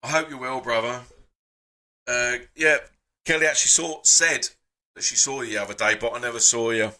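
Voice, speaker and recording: Male live-stream host, very bright tone, chatty and full of fillers and sighs. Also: mid-range voice, moderate pace. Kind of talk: casual live-stream chat reading viewer comments.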